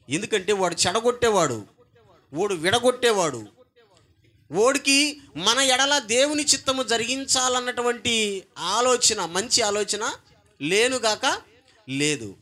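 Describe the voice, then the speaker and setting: A man preaching a sermon as pastor, calling on the congregation to answer loudly. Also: high voice. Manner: call-and-response, demanding congregation repeat loudly; emphatic, swings between soft and loud.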